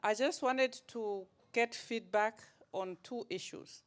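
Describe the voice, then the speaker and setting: A woman's voice: on the high side, slow pace. A woman from Zambia, asking a conference panel direct, orderly questions. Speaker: audience member asking questions, water regulator staff.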